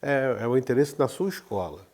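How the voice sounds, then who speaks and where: A man, a guest in an interview, explaining in a relaxed way with frequent tag questions. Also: medium pitch, fairly quick. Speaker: guest, carnival designer. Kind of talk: casual interview talk.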